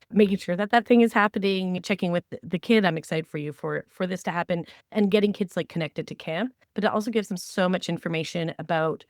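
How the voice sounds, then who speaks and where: A woman co-hosts a podcast, offering conversational advice in an enthusiastic, emphatic way and acting out the remarks she quotes. Her fairly low voice is recorded with studio quality and no echo.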